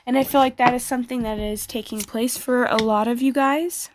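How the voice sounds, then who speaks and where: A woman who is sick, as with flu, giving a casual tarot reading to online viewers in a hesitant, pausing way. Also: fairly high pitch, steady tone, background noise. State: sick, as with flu, voice may give out. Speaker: tarot card reader.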